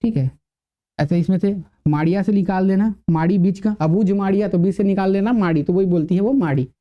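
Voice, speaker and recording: A male teacher gives a classroom lecture in a high-pitched, brisk voice, and the audio is dull. He quizzes the class, answers his own questions, and keeps repeating key words.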